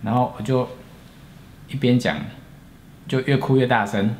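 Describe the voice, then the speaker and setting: A man's voice: medium pitch, fairly even intonation, slight background noise. Earnest Taiwanese man telling a personal story. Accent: Taiwanese Mandarin. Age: 40s. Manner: earnest, reflective, with frequent pauses and restarts. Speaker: storyteller, channel host.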